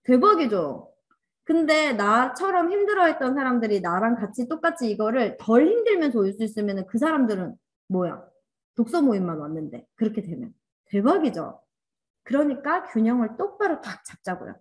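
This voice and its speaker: Female workshop instructor, higher voice, very expressive intonation, coaxing, encouraging lecture delivery. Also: normal speed. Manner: animated, coaxing, acts out inner voices. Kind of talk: online class lecture.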